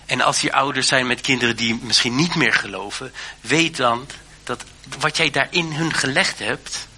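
A man's voice: medium pitch, normal speed, bright, forceful tone, slight background noise. A man preaching a sermon in an earnest way, with many fillers and restarts.

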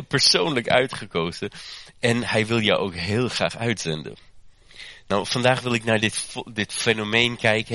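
A man delivers a sermon in a bright, forceful voice, repeating key phrases and climbing in pitch when he presses a point. He often corrects himself mid-sentence with small fillers. The recording is close and dry, with no room sound. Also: dry recording. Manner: emphatic preaching, repeats phrases and rises in pitch for stress; frequent self-corrections and fillers. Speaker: preacher.

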